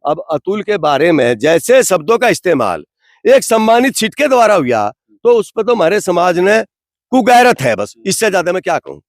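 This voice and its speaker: Brief: fired-up man, high voice, dry sound, rhetorical and indignant. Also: very animated, normal speed, no echo. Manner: rhetorical, indignant, repeats "bhai". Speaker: interviewee from the community. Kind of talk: impassioned street interview.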